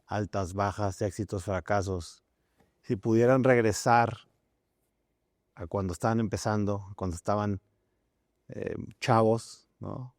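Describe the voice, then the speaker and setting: A man's voice: lowish voice, darkish tone, dry recording, clean studio sound. A man hosting an interview, asking long, rambling questions with restarts. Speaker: podcast host. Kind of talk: casual interview conversation.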